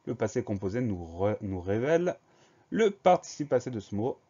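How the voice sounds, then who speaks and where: A man's voice: on the low side, very animated, normal speed, dark tone, husky, muffled recording. A man teaching a dictation lesson, patiently spelling words letter by letter and explaining grammar.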